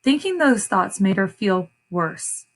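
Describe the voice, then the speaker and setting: With a sing-song, medium-pitched voice, a woman reads a children's story to young listeners as an educator, pausing now and then to pose questions and explain parts of it.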